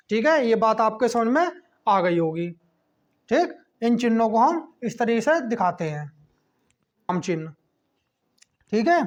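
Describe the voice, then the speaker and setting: A man teaching a class lesson, checking in with a quick "okay" between points as he explains. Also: extremely high pitch. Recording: dull lo-fi recording.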